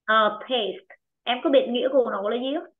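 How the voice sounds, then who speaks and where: A woman English teacher speaking with a Vietnamese accent, her voice pitched a little high. She coaxes students along and repeats words slowly for them to copy. The sound is narrow and tinny, like an online call. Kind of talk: online pronunciation lesson. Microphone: video call. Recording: tinny phone-like video call audio.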